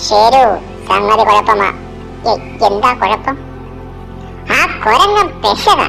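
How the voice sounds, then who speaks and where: A woman reading a children's comic story aloud in an expressive, exclaiming way, with character voices. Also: mid-range voice, slow pace, vocal fry, soft background music.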